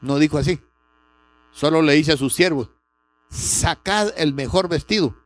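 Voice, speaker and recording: Man preaching, raised pitch, emphatic, faint mains hum. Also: measured pace. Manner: emphatic preaching, rising sharply on key words. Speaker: pastor. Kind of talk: sermon with personal testimony.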